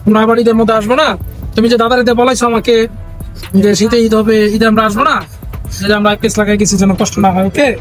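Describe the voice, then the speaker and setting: Young father, family vlogger; rapid, soothing and reassuring, phone-recorded on a train. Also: high voice, fairly even intonation, soft background music. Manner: gentle, coaxing, reassuring. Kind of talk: casual family vlog. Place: inside a moving train.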